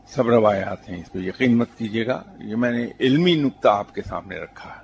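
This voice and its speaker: A man, a spiritual teacher, giving a religious talk in answer to a question, telling stories calmly and at a measured pace, with English terms mixed in. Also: lowish voice, highs cut off, slight background noise.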